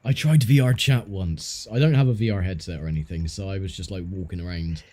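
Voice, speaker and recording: A man's voice: sits low, fairly quick, dark tone. A man streaming, telling rambling stories in casual chat with a friend. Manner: rambling, self-interrupting storyteller.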